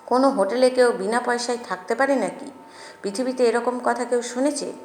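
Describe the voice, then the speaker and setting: A woman's voice: a little high, quick pace, roomy sound, faint music behind, lightly acted. A woman voicing a grumpy, stingy older male hotel manager who blusters and scolds. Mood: blustering.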